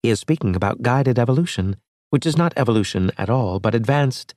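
A man voicing a precise, learned male ship officer who explains things briskly in an audiobook. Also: mid-range voice, expressive, darkish tone, dry recording, clean studio sound, voice pushed up, close to an everyday voice. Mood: explaining. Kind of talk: audiobook character voice.

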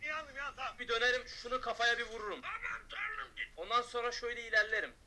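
Loud taunting young-sounding man streamer. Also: very high-pitched, lively intonation, quick pace, vocal fry. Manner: loud, taunting, mocking shouts. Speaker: gaming streamer. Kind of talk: excited gameplay commentary.

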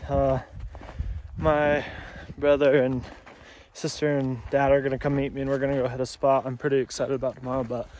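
A man's voice: mid-range voice, flat delivery, fairly quick, a little mellow, a little hiss or hum. A young man talking casually to a phone camera while out hunting in open country, rambling with lots of fillers. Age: young adult. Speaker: shed hunting vlogger. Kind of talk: casual outdoor vlog. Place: outdoors in open scrubland. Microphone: phone camera held close.

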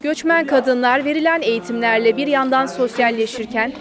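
A woman's voice: sits high, steady tone, a little fast. A woman reads scripted news narration as a reporter's voice-over. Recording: crowd chatter under voice-over. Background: room chatter.

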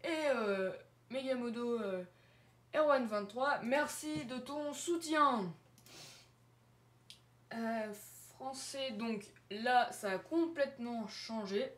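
A woman's voice: on the high side, slow. A woman casually walking viewers through her online chat servers on screen, hesitant with many fillers and small giggles. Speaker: Discord server owner showing her servers. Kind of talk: casual screen-share walkthrough. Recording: roomy echo.

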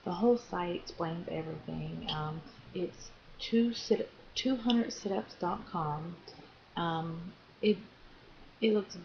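A young American woman records a casual video diary, speaking informally and haltingly with drawn-out pauses. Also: fairly low pitch, gravelly. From Florida, United States. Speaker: vlogger. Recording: dull lo-fi sound, faint background noise.

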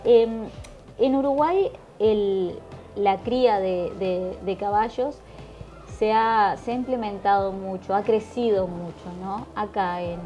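A woman host asks her guest questions into a handheld mic, adding frequent encouraging agreement. Her voice is mellow and dark in tone at a middle pitch. Faint music plays underneath. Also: slow pace, dull audio. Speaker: interviewer and host. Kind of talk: interview questions. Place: indoor exhibition stand.

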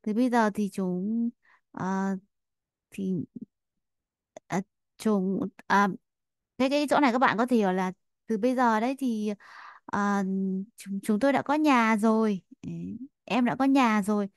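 A woman's voice: medium pitch, measured pace, pauses often, clear, resonant tone, no echo, studio quality. A woman teaching Korean, explaining a listening exercise in a chatty way with many fillers and repeated phrases. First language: Vietnamese.

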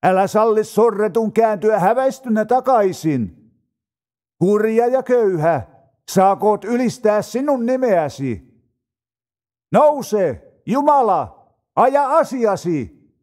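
A man reading psalms aloud in a slow, solemn manner, drawing out his phrases. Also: high-pitched, animated, a little mellow. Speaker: scripture reader.

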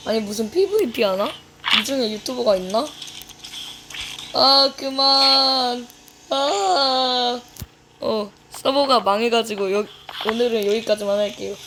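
A woman's voice: a little high, brisk, heavy background noise. A woman giving casual, playful commentary to herself while playing a video game. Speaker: gaming YouTuber.

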